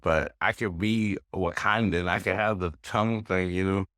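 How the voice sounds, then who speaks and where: A man's voice: low-pitched, steady tone, normal speed, a bit bright, no echo, clean studio sound. A man co-hosting a podcast in casual chat, laid-back and rambling, laughing often. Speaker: podcast co-host.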